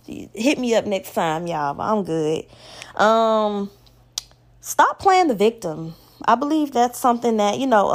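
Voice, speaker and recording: Blunt, profane young woman podcaster. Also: a little high. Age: young adult. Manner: blunt, profane, preachy advice-giving. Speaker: podcast host. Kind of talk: casual solo podcast monologue.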